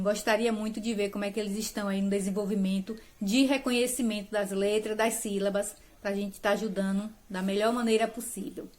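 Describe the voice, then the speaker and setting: A patient woman teacher from Brazil with a slightly high voice walks parents and young children through a homework task. She explains step by step, keeps checking that everyone follows, and talks with affectionate diminutives. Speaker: primary school teacher. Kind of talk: remote lesson instructions to parents and children.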